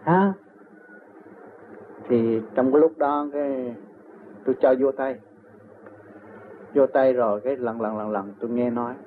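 An older man with a Southern Vietnamese accent rambles through his own stories, chuckling often as he goes. His voice sits at an ordinary middle pitch for a man. It comes through a narrow, tinny, phone-like recording with a faint hiss behind it. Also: fairly even intonation, measured pace, pauses often. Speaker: interviewee. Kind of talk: rambling personal storytelling.

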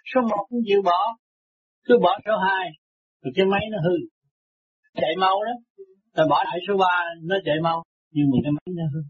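Husky guy lecturing his followers on buddhist practice, blunt and scolding, highish voice, muffled lo-fi audio. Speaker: spiritual teacher. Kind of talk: informal Buddhist teaching.

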